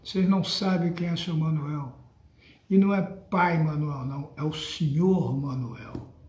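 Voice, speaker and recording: A man's voice: fairly high pitch, unhurried, darkish tone, echoey room. Older Brazilian man scolding his listeners. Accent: Brazilian Portuguese. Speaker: lecturer on a spiritual book. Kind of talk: monologue addressed to followers.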